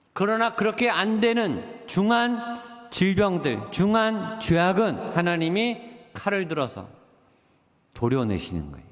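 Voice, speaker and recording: A man delivers a sermon in a fairly high voice. He presses hard on the key points, then sinks to quiet, drawn-out phrases. The sound rings with a long reverb, as in a hall. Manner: preaching with emphatic rises and quiet, slowed drops. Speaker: pastor.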